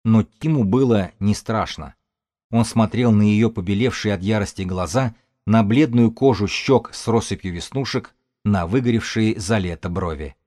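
A male audiobook narrator with a low voice. He reads in a steady, even storytelling manner. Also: normal speed, dry recording, studio quality. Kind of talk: scripted narration.

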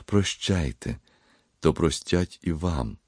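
A man voicing a gentle, devout young pharmacist who speaks quietly, slowly and sorrowfully. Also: extremely low pitch, expressive, husky, dry recording, clean studio sound, heavily acted.

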